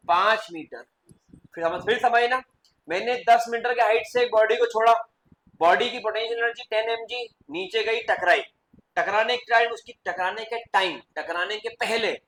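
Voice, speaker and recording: A man teaching physics in a classroom, quizzing students with quick repeated questions and mixing English terms into his explanations. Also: high-pitched, sharp tone, low-quality recording. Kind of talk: classroom lecture.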